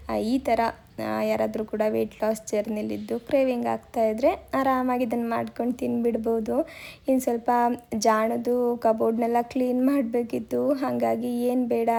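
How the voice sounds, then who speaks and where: A woman's voice: a little high, vocal fry, dark tone. A young woman, a mother, narrating a casual home vlog and chatting through each step as she goes.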